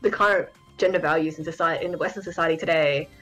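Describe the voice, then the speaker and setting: Fast-talking, husky-voiced woman. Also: sits low, fairly bright tone, lo-fi sound, soft background music. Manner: eager storyteller, gushing. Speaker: podcast co-host. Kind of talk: casual chat.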